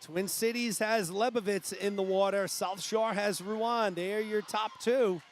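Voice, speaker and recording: A man with a New England accent calling a youth swim meet live, brisk play-by-play that rises at the finishes. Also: sits high, steady tone, a little hiss or hum. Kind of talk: live sports commentary.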